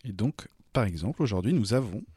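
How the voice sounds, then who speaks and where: A man's voice: lowish voice, lively intonation, fairly quick, dark tone, husky, dry recording. A man co-hosting an interview in a conversational presenting style. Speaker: interview co-host.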